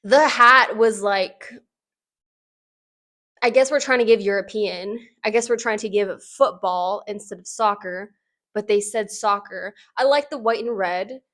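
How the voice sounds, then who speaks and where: A woman's voice: medium pitch, unhurried, a bit bright. A woman with a mid-range voice hosts casual fashion commentary. She talks in a chatty, informal way, offering personal opinions and often dropping "like" into her sentences. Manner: informal, conversational, frequent "like" as emphasis.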